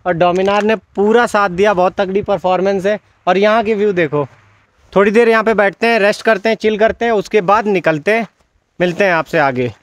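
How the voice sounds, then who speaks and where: A man's voice: sits high, a little fast, dry recording. A man in his thirties from India, narrating a casual motorcycle travel vlog outdoors on mountain roads, chatty and enthusiastic as he explains tips to viewers.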